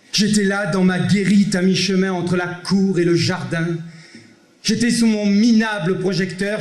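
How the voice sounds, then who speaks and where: A man's voice: high-pitched, reverberant. A man with a Provençal French accent performing a one-man comedy show, chatting theatrically with the audience and slipping into solemn recitation, recorded on an amateur camera in a theatre. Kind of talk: stand-up monologue with poetic recitation. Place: theatre stage.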